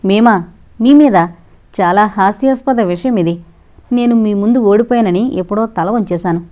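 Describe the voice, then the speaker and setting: A woman voicing a proud, principled middle-aged father who speaks with forceful emotion, in an audio novel on a dull lo-fi recording. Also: mid-range voice, a little fast, natural voice. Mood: bitter.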